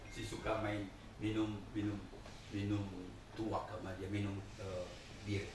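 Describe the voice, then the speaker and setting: An older male pastor preaching a sermon, swinging between hushed low passages and loud, laughing shouts. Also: little pitch movement, unhurried. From Indonesia. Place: large church hall. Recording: echoey hall, distant mic, faint hiss.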